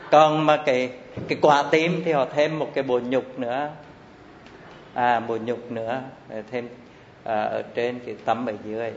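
A man teaching Buddhist doctrine in a classroom lecture, repeating key terms and asking his listeners rhetorical questions. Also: mid-range voice. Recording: echoey hall, slightly dull with faint hiss.

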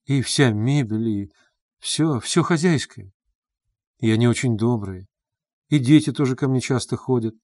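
A man reading the part of a timid, poor young woman, speaking softly and pleadingly in an audiobook. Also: medium pitch, measured pace, dry recording, clean studio sound, natural voice. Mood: shy.

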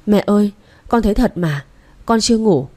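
A woman's voice: medium pitch, lively intonation, moderate pace, dark tone, close to an everyday voice. A woman reading aloud voices a frightened, scheming young wife who whimpers and pleads in panic. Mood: pleading.

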